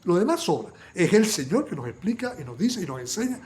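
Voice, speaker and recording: Fervent higher-voiced male preacher. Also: very animated, a little fast. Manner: fervent, many restarts and repetitions, swings between loud bursts and quiet asides. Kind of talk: sermon, Bible study.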